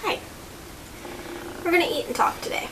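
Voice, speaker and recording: A young woman vlogging casually, telling a story while she eats, in an unhurried, chatty way. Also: distant mic, background noise.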